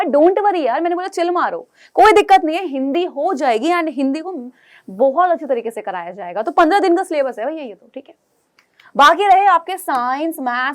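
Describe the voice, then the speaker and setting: A young woman teacher with a high voice gives an exam-prep pep talk. She talks in a chatty, coaxing way, calling her students "beta" and "bhai" and mixing in English words.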